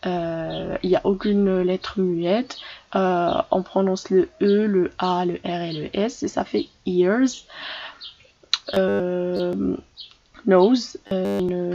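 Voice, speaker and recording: A woman teaching English words in a relaxed, casual lesson, often stopping and starting over with small fillers. Her voice has a gravelly fry, and the recording sounds a little dull with faint noise in the background. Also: on the low side. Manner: hesitant, many fillers and restarts. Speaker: English teacher for French speakers.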